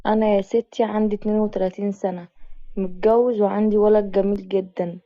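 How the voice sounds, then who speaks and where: A woman's voice: mid-range voice, level tone, quick pace, dry recording, lightly acted. A woman with an Egyptian accent playing a wounded man in his thirties who is in hiding, speaking in a dry, teasing, plainspoken way in a dramatized story reading. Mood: calm. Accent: Egyptian Arabic. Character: wounded 32-year-old man hiding out, wry and proud. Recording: muffled lo-fi recording.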